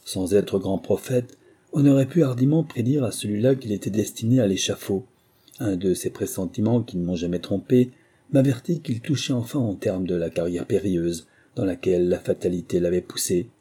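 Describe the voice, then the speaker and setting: A man with a French accent reading a memoir aloud in a measured, literary first-person style. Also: fairly low pitch, mellow, slightly rough. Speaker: audiobook narrator. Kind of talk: scripted first-person narration.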